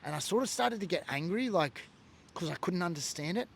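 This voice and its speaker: His voice sits high and sounds gravelly, animated and brisk, with a little hiss or hum behind it. The speaker is an Australian former biker from Sydney giving an earnest, emotional personal testimony peppered with fillers.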